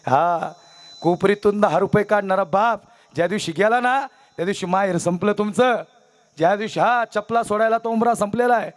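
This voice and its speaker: A man's voice: high voice, normal speed. A man preaching a devotional kirtan sermon on stage, fervent and exhorting, speaking directly to a seated audience and weaving in stories.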